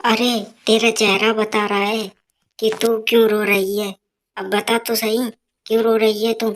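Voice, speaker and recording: A woman's voice: a little high, level tone, a little slow, a little hiss or hum, natural voice. A woman doing a nosy village neighbor. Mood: prying. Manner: prying, coaxing.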